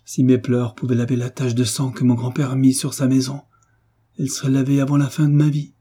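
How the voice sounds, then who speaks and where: A man's voice: medium pitch, flat delivery, brisk, warm tone, breathy edge, voice pushed up, natural voice. A man reading the lines of a tearful, grieving young woman in an audiobook.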